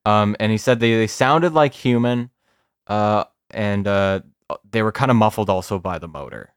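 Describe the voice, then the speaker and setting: Male podcast co-host, low resonant voice, dry close mic, relaxed storyteller. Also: clean tone, no echo. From Canada. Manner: laughing, swearing storyteller, slows down for suspense. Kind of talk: casual storytelling chat.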